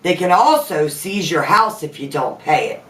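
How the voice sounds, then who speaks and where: A woman's voice: lowish voice, lively intonation, normal speed, a bit bright, recorded from a distance. A woman vlogger venting angrily from her house, swearing often as she rants. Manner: profane, heated ranting. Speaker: vlogger and makeup artist. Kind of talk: angry venting vlog. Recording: echoey room, away from the mic.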